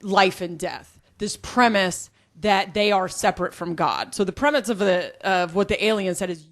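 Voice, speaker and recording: A woman's voice: medium pitch, normal speed. Earnest woman guest explaining at length. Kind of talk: casual discussion.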